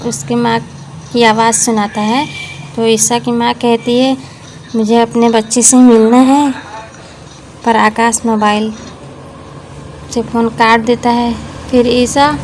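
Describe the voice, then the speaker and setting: A woman slowly retelling a TV serial's plot in a casual, halting way, with many pauses. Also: a little high, darkish tone, slight background noise. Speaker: TV serial recap narrator. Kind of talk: casual spoken story recap.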